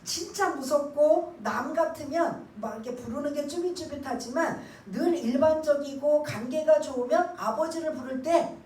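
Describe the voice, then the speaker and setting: High-voiced woman preaching in an echoey church. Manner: asks the congregation questions and waits for answers; drops to a hushed voice to act out prayers. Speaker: pastor. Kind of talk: sermon. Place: church sanctuary. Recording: echoey church room, mic at a distance.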